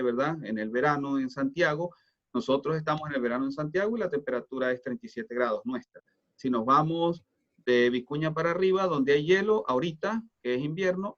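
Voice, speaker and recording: A middle-aged man giving an online lecture, explaining step by step and often pausing to ask whether students follow. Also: medium pitch, fairly bright tone. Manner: explanatory, often checks understanding with tag questions. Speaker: teacher. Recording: dull lo-fi online class audio.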